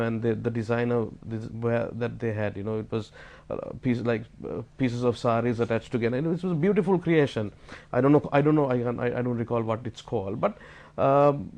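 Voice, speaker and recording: A man's voice: medium pitch, a little mellow. A man asking interview questions in a hesitant, rambling way, often repeating words and restarting.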